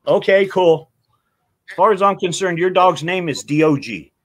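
Lively-voiced man telling animated stories. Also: high voice, normal speed. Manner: storytelling, animated, acts out quotes. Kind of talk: casual chat.

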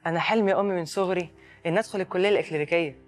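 A man's voice: sits high, very fast, natural voice. An actor playing a devout young man with an Egyptian accent, just graduated, earnest and affectionate with his mother. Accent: Egyptian Arabic. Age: young adult. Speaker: son, new graduate.

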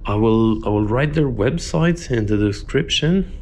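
A man in his thirties filming a casual travel vlog, chatty and relaxed, with self-deprecating asides, recorded on a handheld camera mic. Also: mid-range voice, unhurried. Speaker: travel vlogger. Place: indoors in a hostel, then outdoors in snowy streets and on a bus.

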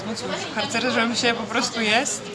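A young woman chatting through a casual travel vlog, laughing often and filling pauses with hesitations, filmed on a handheld phone. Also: on the high side, little pitch movement, over a noisy crowd. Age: young adult. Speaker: vlogger. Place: outdoors and in a snack bar, city and seaside. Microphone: handheld phone camera. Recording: loud street noise behind.

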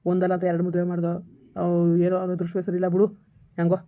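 A woman's voice: lowish voice, completely flat delivery, fast, narrow, tinny audio, natural voice. Woman playing a blunt old village woman. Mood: consoling. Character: blunt older village woman scolding her co-mother-in-law.

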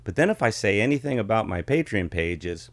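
A middle-aged man chatting casually as a vlog host, with the warm, rich sound of a vintage ribbon mic in a home studio. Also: fairly low pitch, sing-song, a little fast, no echo. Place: small home studio with curtain backdrop. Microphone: studio ribbon microphone close in front.

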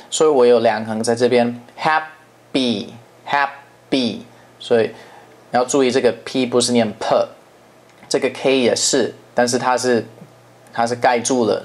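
Guy teaching english pronunciation, average pitch, patient, says words over and over slowly. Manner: explains patiently, repeats words slowly to demonstrate sounds. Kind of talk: pronunciation lesson.

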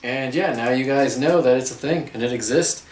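A man's voice: medium pitch, moderate pace, darkish tone. A middle-aged man giving a casual, jokey gear review to camera in a chatty, informal way. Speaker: host of an airsoft gear channel. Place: small furnished room at home, indoors. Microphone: camera a few steps away. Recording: roomy echo, distant camera mic.

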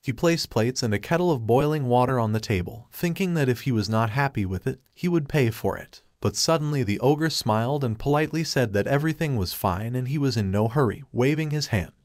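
A man narrating a comic recap in a steady, even storytelling manner, reading a script in the past tense. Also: mid-range voice, a little fast, few pauses, no echo, clean studio sound.

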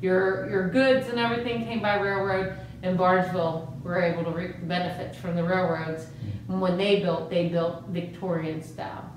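A woman's voice: lowish voice, level tone, moderate pace. A woman working as a museum tour guide, informally explaining exhibits in a hesitant, piecemeal way. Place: indoor museum rooms. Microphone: handheld camera, off-screen speaker. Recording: very echoey room, faint noise.

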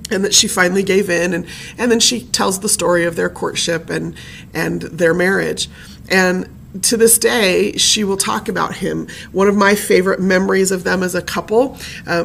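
A woman's voice: medium pitch, creaky, fairly bright tone, a little hiss or hum. A woman giving a conversational presentation on family history, chatty and personal, with frequent fillers.

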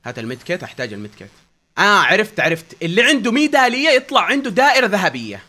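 A young man commentating his own gameplay, swinging between yelling and pleading in tense moments and quiet muttering when things calm down. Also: sits high, racing. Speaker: gaming YouTuber.

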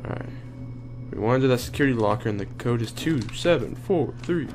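A man's voice: mid-range voice, animated, brisk, darkish tone, a little hiss or hum. A scared, sweary man giving live commentary as he plays a horror game, muttering and exclaiming. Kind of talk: horror let's play commentary, reacting live while playing.

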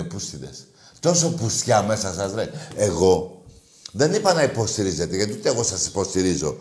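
Loud mocking man on a call-in show. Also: lowish voice, reverberant. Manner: mocking, loud, crude taunting of rival fans. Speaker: radio show host taking calls. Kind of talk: rowdy call-in banter.

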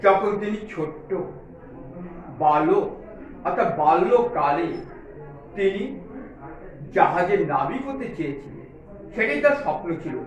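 A man teaching English in Bengali, with a Bengali accent, speaking slowly and deliberately and spelling words out letter by letter. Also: sits high, animated, muffled recording. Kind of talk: classroom lesson explaining an English text in Bengali. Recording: very echoey room, voice far from the mic, crowd noise.

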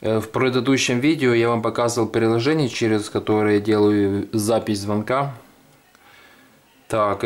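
A man with a slightly low voice presents a casual how-to video. He narrates what he is doing hands-on, step by step, as the host. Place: indoors at a desk.

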